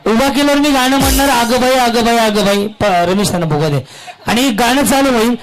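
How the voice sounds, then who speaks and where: A man's voice: extremely high pitch, fairly quick, low-quality recording. A man hosting a balloon game at a public event, teasing the crowd and repeating instructions. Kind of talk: lively crowd emcee patter. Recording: music loud behind PA voice.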